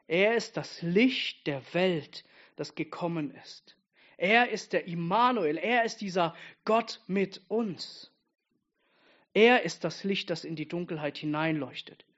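A man preaching an earnest Advent-style sermon, dropping soft and intimate, then rising to emphatic. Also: high voice, takes it slowly, highs cut off.

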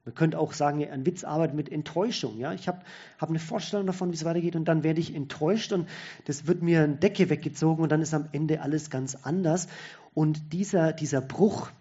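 Man, sermon-style talk, conversational, fairly high voice, lo-fi sound. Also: fairly quick, mellow, breathy edge. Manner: conversational, thinking aloud with restarts.

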